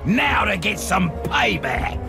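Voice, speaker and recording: A man voicing a vengeful, sadistic orc in a video game, menacing and gravelly. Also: high-pitched, big pitch swings, slow, over music, exaggerated voice. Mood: vengeful anger.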